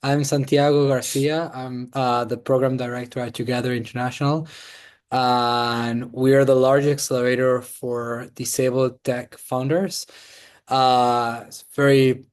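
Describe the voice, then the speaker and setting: A man's voice: medium pitch, level tone, measured pace, clean tone. A man in his mid-thirties introducing himself somewhat hesitantly as a panelist on a webinar video call. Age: 30s. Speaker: panelist, program director. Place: indoor room, video call.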